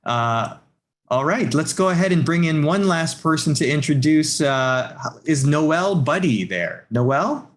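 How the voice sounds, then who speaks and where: A man's voice: on the high side, expressive, unhurried. A man hosting an online panel, courteously greeting and introducing participants. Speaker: panel host. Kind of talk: webinar moderating.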